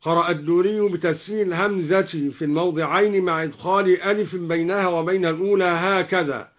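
A man teaching Quran recitation variants, explaining each one and then reciting the verse as an example in a measured way. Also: high-pitched, steady tone. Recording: dull lo-fi recording.

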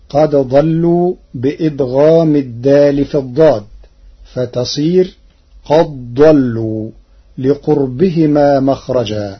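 Slow careful recitation teacher, guy with a breathy kinda high voice, muffled lo-fi sound. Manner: measured, methodical explanation with verse quotes drawn out slowly. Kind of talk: explaining Quranic recitation rules.

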